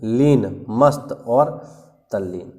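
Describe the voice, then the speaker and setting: A male teacher giving an exam-prep lesson, working slowly through lists of words and often clearing his throat. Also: medium pitch, animated, darkish tone. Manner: slow, deliberate listing with frequent "ठीक है" check-ins.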